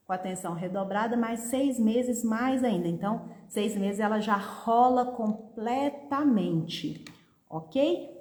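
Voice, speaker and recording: Brazilian woman explaining, echoey room. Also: on the high side. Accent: Brazilian Portuguese. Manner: didactic, frequent "né?" and "tá bom?" check-ins. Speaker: pediatric occupational therapist. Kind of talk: explanatory live-stream talk.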